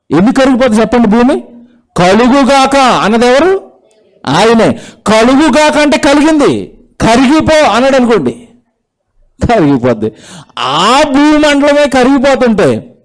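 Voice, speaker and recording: A man preaching a sermon on a microphone in a church hall, firing rhetorical questions at the congregation. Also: sits high. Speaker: pastor. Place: church hall with mic and projector.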